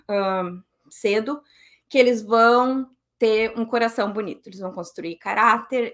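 A woman, giving a casual online lecture as a cello teacher over a webcam. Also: fairly high pitch. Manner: casual, chatty explaining with fillers. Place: room at home. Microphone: webcam on video call.

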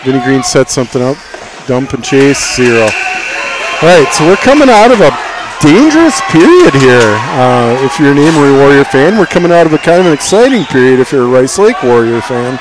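A man's voice: medium pitch, brisk. Chatty man calling local hockey, noisy crowd. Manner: chatty, partisan, folksy. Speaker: hockey play-by-play commentator. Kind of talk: local sports commentary. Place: ice arena. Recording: loud crowd, noisy arena. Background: crowd and arena noise.

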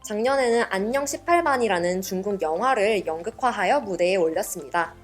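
Young female student interviewer, middle-pitched voice. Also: lively intonation, fairly quick, soft background music. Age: young adult. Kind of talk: polite scripted interview hosting.

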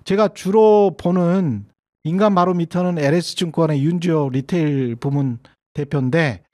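Man talking markets, higher-pitched and chatty. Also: normal speed, mellow. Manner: conversational with many fillers and self-corrections. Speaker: host of an economics commentary channel. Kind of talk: solo commentary to members.

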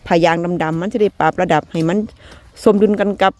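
A woman's voice: fairly low pitch, steady tone, brisk. A woman with an Isan accent hosting a casual garden vlog, talking in a folksy, chatty way to her viewers and laughing often. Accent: Isan (Northeastern Thai). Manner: chatty, folksy, ends phrases with soft polite particles, laughs often. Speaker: vlog host. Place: rural home garden, outdoors.

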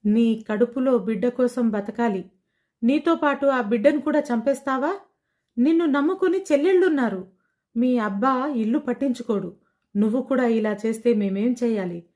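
A woman's voice: on the high side, moderate pace, warm tone, close to an everyday voice. A woman storyteller voicing a worried mother who pleads with her pregnant daughter through tears. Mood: pleading. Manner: pleading, tearful, raised voice.

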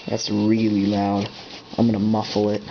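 Sitting at a desk indoors, a man thinks aloud and presses buttons as he sets up a device, a hobbyist talking to himself. His voice is on the low side, totally flat in delivery at a moderate pace, and the lo-fi camera audio is dull with a faint hum.

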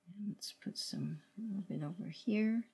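A woman's voice: mid-range voice, normal speed, creaky, dark tone, husky. A middle-aged woman teaching watercolor painting step by step, speaking unscripted in short, sparse phrases as she works. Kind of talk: unscripted step-by-step art tutorial. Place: indoor studio room at a worktable.

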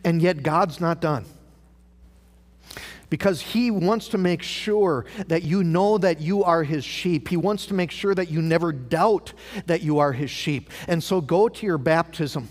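A man with a somewhat high voice preaches a sermon as pastor at an unhurried pace, using rhetorical questions and repeated phrases for emphasis. It's a live broadcast from a large church sanctuary with long hall reverb.

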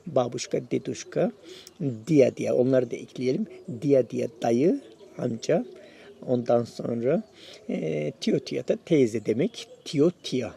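Gravelly-voiced man giving casual language tips. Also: mid-range voice, lively intonation, measured pace, dark tone. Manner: encouraging, repeats advice, addresses viewers as friends. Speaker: YouTube host sharing his Russian learning. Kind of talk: casual spoken lesson to camera.

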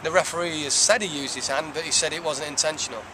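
A man in his thirties, a soccer head coach, giving a measured, reflective postgame interview outdoors, with lots of "you know". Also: on the high side, fairly even intonation. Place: outdoors by a stone wall. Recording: outdoor traffic noise.

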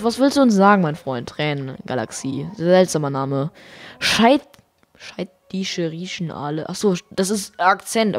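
Excitable low-voiced woman commenting on a game. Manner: excitable and chatty, swears, drops English exclamations. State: voice getting strained. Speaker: let's play host. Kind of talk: live gameplay commentary. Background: faint game music.

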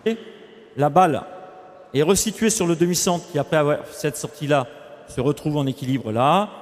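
High-voiced coach shouting in an echoey gym. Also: male voice, moderate pace. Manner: urgent repeated commands. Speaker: handball coach. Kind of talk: shouted drills and tactical instruction. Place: indoor sports hall. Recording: echoey sports hall, faint noise.

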